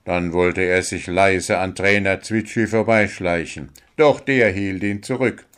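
A man narrating a children's story in a slow, measured way. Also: deep voice, steady tone, a bit bright, clear, resonant tone.

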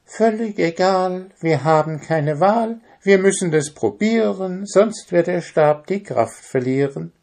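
A man voicing an excitable little bird, squeaky and urging in a storybook reading. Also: slow, creaky, few pauses, exaggerated voice. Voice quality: very high squeaky voice. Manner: pushy, urging.

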